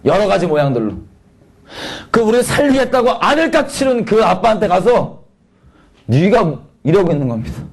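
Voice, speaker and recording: A man preaching in a casual, conversational way, asking the audience many rhetorical questions and swinging his pitch up and down for emphasis. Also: sing-song, normal speed. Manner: sudden swings between raised and dropped pitch for emphasis. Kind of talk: sermon.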